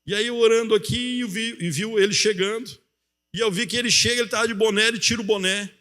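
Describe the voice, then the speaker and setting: A male pastor preaching a sermon in a church, telling a story with animated delivery and acting out the voices of the people in it. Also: high voice, quick pace. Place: church auditorium.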